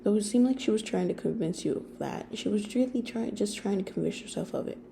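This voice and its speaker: Soft, gravelly young woman reading a story. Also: mid-range voice, a little fast, a little hiss or hum. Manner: soft-spoken, rambling when talking off script. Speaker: story reader. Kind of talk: fan fiction reading. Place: friend's office.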